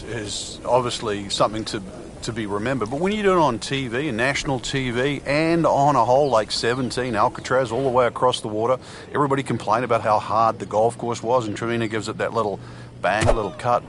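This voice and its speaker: A man's voice: medium pitch, brisk, fairly bright tone, a little hiss or hum, natural voice. A man working as a golf analyst in a video game, explaining play in an easygoing, conversational commentary style. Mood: easygoing, analytical.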